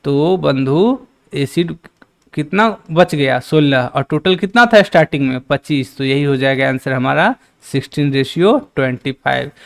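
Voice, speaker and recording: Male maths tutor, live-stream lesson, chatty, fairly high, smooth clear voice. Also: lively intonation, unhurried. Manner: chatty teacher, reads out and teases chat. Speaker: maths teacher.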